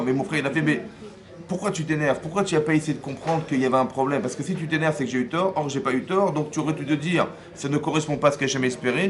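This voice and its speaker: A man, a rabbi, giving a lively Torah class, often acting out dialogue and asking his listeners whether they follow. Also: mid-range voice. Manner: acts out dialogue in first person.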